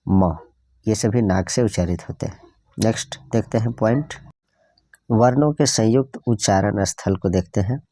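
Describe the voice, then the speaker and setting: A man's voice: on the low side, mellow. A man teaching a grammar lesson for exam preparation, listing letters one at a time, step by step. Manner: methodical, lists letters one by one with fillers.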